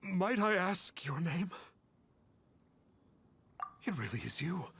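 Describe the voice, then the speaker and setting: A man's voice: high voice, big pitch swings, slow pace, creaky, a bit bright, slightly rough, exaggerated voice. A man playing a cowardly, starstruck con man in a video game, pleading and reverent in florid, theatrical phrases. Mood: awestruck. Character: cowardly, fawning male con man, earnest starstruck devotee. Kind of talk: English video game voice acting.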